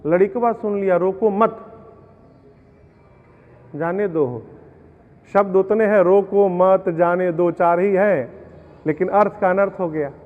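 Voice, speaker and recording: Male devotional storyteller with a high voice, explains verses through parables, heard as tinny audio from a reverberant hall. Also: fairly even intonation, moderate pace. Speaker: Ramayana storyteller. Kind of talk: devotional discourse with sung verses.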